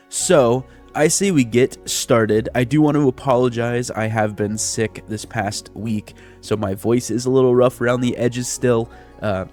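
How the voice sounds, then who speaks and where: A video creator with a fairly low, darkish voice gives casual, chatty gameplay commentary into a close mic, explaining his plans step by step. Music plays in the background.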